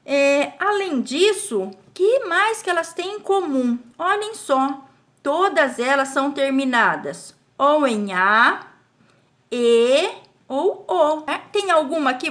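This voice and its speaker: A Brazilian woman teaching a recorded spelling lesson to children. She explains slowly, stretches out syllables and keeps asking the class check questions. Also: high-pitched, fairly bright tone. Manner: speaks of herself in the third person as "a Pro". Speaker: primary school teacher.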